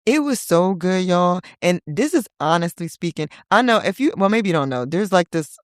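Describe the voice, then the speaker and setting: A woman in her thirties hosting a casual solo podcast, talking in a playful, chatty way with teasing asides and sudden high-pitched exclamations. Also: expressive, moderate pace, no echo, clean studio sound. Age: 30s. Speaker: podcast host.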